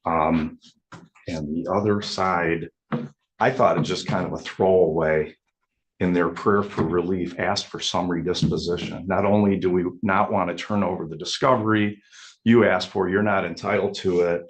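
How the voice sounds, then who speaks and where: Male attorney, low-pitched, measured anecdotal argument to the court. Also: fairly even intonation, low-quality recording. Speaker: attorney addressing a judge.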